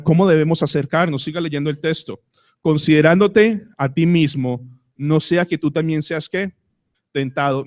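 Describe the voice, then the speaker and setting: A pastor with a Colombian Spanish accent preaches a sermon at a church service, posing questions to the congregation and slowing down to stress certain words. His voice is medium-pitched and a little mellow.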